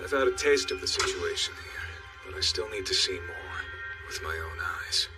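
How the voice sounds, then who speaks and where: A man's voice: sits low, animated, moderate pace, recorded from a distance, music in the background. An actor voicing a guarded, skeptical young man in an anime dub. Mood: wary. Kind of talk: anime English dub acting.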